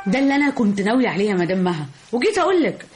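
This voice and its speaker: An actress with an Egyptian accent voicing a determined, polite young wife in a radio drama. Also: female voice, medium pitch, very animated, rapid-fire, loud music behind the voice, lightly acted. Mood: earnest. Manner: earnest, polite, resolute.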